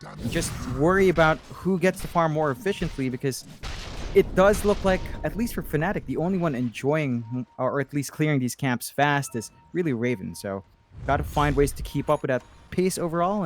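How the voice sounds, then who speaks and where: A man commentating an esports match, analytical and measured, with some fillers and restarts. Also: a little high, lively intonation, faint music behind. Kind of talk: play-by-play commentary.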